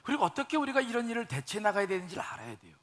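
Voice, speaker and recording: A male pastor preaching a sermon, questioning the congregation and mixing soft asides with raised exclamations. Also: high-pitched, big pitch swings, racing.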